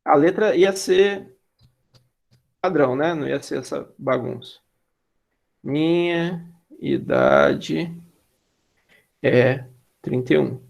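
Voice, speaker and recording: A man's voice: on the high side, takes it slowly, creaky, pauses often, a little mellow. A man teaching an introductory programming class in a casual way, checking in with students and throwing in slangy asides. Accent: Brazilian Portuguese. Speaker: instructor. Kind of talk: classroom lecture.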